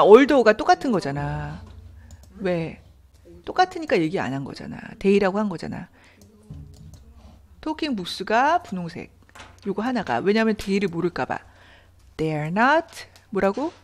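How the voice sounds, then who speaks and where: A woman teaching an English reading lesson, her pitch rising and falling in a lively, animated way. She walks through grammar step by step and keeps asking her students questions. Her voice sits in an ordinary middle register.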